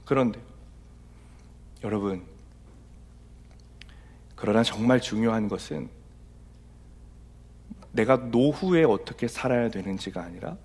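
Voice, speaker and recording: A middle-aged male pastor preaching in a relaxed, story-driven way, with a voice of ordinary pitch for a man. He drops to hushed asides, then rises to forceful emphasis. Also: unhurried, long pauses. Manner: storytelling, swings from soft asides to loud emphatic exhortation. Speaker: senior pastor. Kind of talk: conversational sermon.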